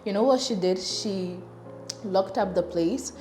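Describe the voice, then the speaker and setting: A woman's voice: medium pitch, measured pace, dark tone. A woman from Ghana, interviewed, telling a personal story with emphatic, storytelling delivery. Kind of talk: anecdote in an interview. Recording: echoey room with faint music.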